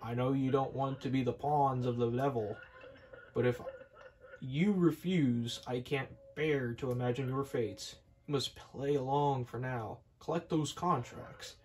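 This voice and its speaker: A man voicing a wise old male kettle who mentors two boys, speaking low, soft and grave. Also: a little slow, slight background noise, lightly acted, poor audio.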